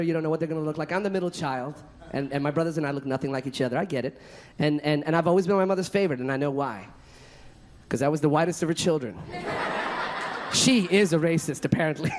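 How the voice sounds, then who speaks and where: A high-pitched Colombian comedian delivers a stand-up set at a comedy club. He works the crowd with loud exuberance.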